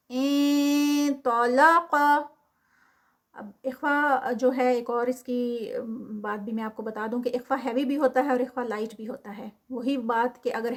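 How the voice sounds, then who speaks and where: A woman teaching recitation rules, explaining step by step and slowly drawing out sample words. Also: a little high, darkish tone.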